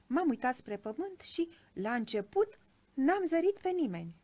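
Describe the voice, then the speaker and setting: A woman hosting a book show, reading a children's story aloud in an expressive, lilting way. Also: high voice. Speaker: radio book show host.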